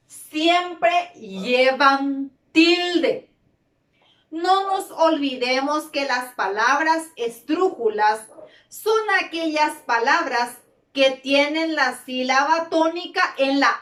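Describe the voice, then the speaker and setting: A woman teaching a grammar lesson to children, repeating key words and stretching words out. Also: high-pitched. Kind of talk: slow, deliberate classroom lesson. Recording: roomy echo.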